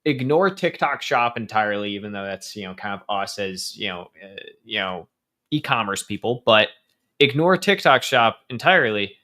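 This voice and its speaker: A man's voice: fairly low pitch, expressive, normal speed, pushed and bright. A man co-hosting a live show, chatting casually with many fillers and stammered restarts. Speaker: co-host. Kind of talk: casual live-stream chat.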